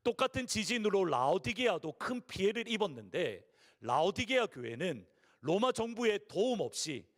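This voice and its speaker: A pastor with a Gyeongsang (Busan) accent delivers a Sunday sermon in a large church sanctuary, his hoarse, high-pitched voice very animated at a moderate pace. He tells stories earnestly and puts rhetorical questions to the congregation. The recording carries the long reverb of a church hall.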